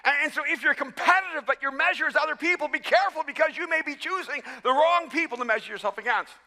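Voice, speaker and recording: A man from El Salvador preaches with a very high, sharply bright voice that bounces into a long hall reverb. He is animated and self-mocking, and he often trips over his words and restarts. He sounds like a pastor in the middle of a sermon. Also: fast talker.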